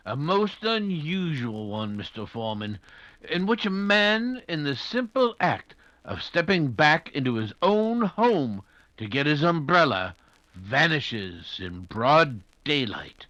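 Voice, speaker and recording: Man playing Doctor Watson, slow genial old gentleman. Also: on the high side, big pitch swings, no room sound, dull audio, heavily acted. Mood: genial, amused. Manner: hesitant, chuckling, old-fashioned gentlemanly phrasing. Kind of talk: 1940s radio acting.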